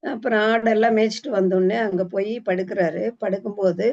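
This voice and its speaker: A woman's voice: medium pitch, fairly even intonation, fairly quick, a little mellow. A woman retelling the story of a book in a casual, hesitant way, with frequent fillers and restarts, as if presenting it to a class. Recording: dull lo-fi recording.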